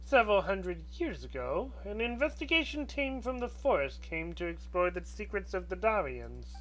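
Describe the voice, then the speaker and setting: A woman voicing a wise, knowing old woman in a slow, halting old hag manner, reading video game dialogue aloud. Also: lowish voice, pitched below the performer's own voice, low-quality recording.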